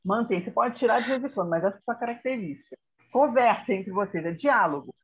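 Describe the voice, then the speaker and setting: A woman's voice: on the high side, lively intonation, fast, slightly rough. A woman facilitator giving directive instructions in a theatre workshop over a video call. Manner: directive, checks in with "tá?" and "ok". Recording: muffled video call audio.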